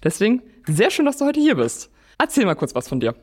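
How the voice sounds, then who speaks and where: A woman's voice: medium pitch, wildly swooping pitch, brisk, darkish tone, slightly rough. A young woman hosting a casual interview, upbeat, asking questions and praising her guest with lots of repeats. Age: young adult. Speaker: host, interviewer.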